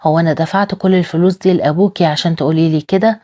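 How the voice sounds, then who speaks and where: A proud, hot-tempered father argues and pleads, read out by a woman narrator. The voice stays low and soft-toned, with an Egyptian accent. It comes through as a drama recap. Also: fairly even intonation, very fast, close to an everyday voice. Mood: pleading. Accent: Egyptian Arabic.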